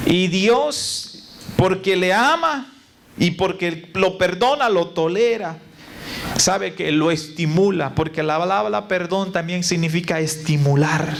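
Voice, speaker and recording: A man preaching in a church, with a high voice and a gravelly edge. He addresses the congregation directly and runs through lists of word meanings. The recording carries a steady hiss of noise. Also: slow. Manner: preaching with call and response to the congregation. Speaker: pastor. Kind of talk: sermon. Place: church sanctuary.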